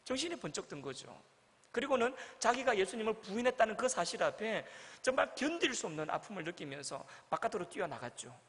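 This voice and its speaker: A man's voice: big pitch swings, fairly quick, a bit bright. A male pastor preaching a sermon, telling a story and acting out the quoted lines with dramatic swings. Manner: storytelling, acts out quoted lines with big swings in pitch and volume. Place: church sanctuary. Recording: church hall with long reverb.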